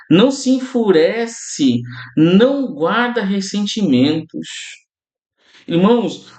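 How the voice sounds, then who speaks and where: A male pastor delivers a sermon in a fairly high voice. He talks to his listeners like a conversation, often calling out to them and checking in with them. The room around him is echoey. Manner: conversational preaching, often addresses listeners as brothers and tags lines with "né?".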